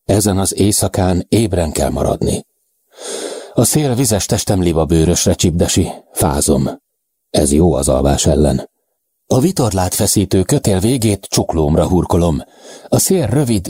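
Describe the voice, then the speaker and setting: A man reading a novel aloud in the first person, in a measured, even manner. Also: sits low, husky, no echo. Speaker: audiobook narrator. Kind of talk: first-person audiobook narration.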